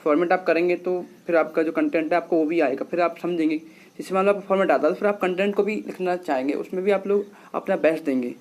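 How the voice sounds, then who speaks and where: High-voiced teacher, patient. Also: male voice, steady tone, fast, darkish tone. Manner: patient, repetitive, addresses students as children. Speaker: English teacher. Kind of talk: classroom lesson, explaining.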